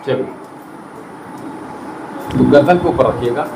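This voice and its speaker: A man's voice: medium pitch, lively intonation, noisy background. A man leading a group yoga class at an ashram as its teacher, giving instructions in a coaxing, instructive way. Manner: instructive, coaxing, chants mantras slowly. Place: ashram hall.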